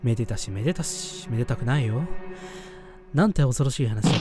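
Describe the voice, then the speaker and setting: A man playing a horror game, reading its story text slowly aloud and reacting with casual, nervous asides. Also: mid-range voice, animated, over loud music. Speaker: game streamer.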